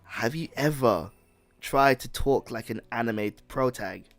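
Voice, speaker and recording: A man's voice: medium pitch, a little slow, a bit bright, no echo. A man hosting a casual podcast chat, rambling with repeated words and frequent laughs. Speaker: podcast host.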